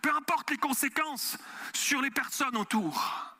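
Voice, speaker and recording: Male pastor, Swiss French accent with Quebec touches, animated sermon delivery, very high and bright. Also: unhurried, vocal fry. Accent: Swiss French mixed with Quebec and French. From Switzerland. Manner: animated, asks the audience questions.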